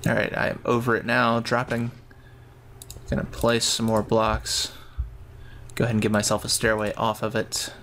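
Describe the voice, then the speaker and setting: A man's voice: lowish voice, monotone, normal speed, fairly bright tone, a little hiss or hum. A man giving casual gameplay commentary, thinking aloud in a rambling way. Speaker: gamer narrating his own play.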